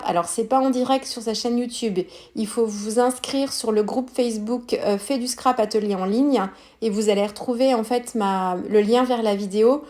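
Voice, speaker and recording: A woman's voice: a little high, a little mellow. A woman with a French accent talks through a scrapbooking tutorial in a casual, hesitant way, full of fillers and self-corrections. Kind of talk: casual craft tutorial voice-over.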